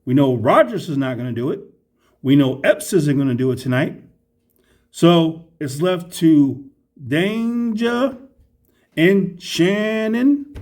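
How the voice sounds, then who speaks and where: A man's voice: mid-range voice, darkish tone. A man giving blunt, exasperated halftime basketball commentary as a fan, scathing and emphatic, repeating phrases for effect.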